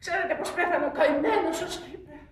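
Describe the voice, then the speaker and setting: An actress playing a loud, bossy, doting old matriarch in a stage drama, calling out with emotion. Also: female voice, very high voice. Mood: bustling. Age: older. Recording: echoey theatre stage, from far off.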